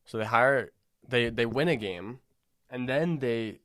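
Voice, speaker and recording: A man's voice: medium pitch, unhurried, fairly bright tone, no echo, clean studio sound. A man co-hosting a casual sports podcast, rambling and hedging with lots of fillers. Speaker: podcast co-host.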